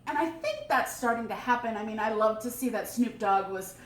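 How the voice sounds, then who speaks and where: A woman co-hosting a casual talk show, speaking in a halting, heartfelt way with frequent restarts. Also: a little high, slight background noise. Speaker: co-host. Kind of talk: casual chat. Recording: echoey room, voice a bit off-mic.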